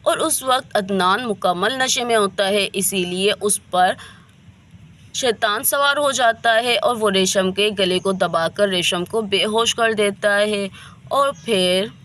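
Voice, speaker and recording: A woman narrating a doll story in a steady, plain storytelling manner. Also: mid-range voice, slow pace.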